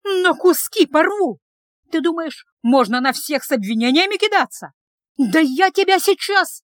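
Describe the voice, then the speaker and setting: A woman voicing a furious young village woman who shouts and scolds shrilly. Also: high voice, big pitch swings, moderate pace, no room sound, clean studio sound. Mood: furious, shrill.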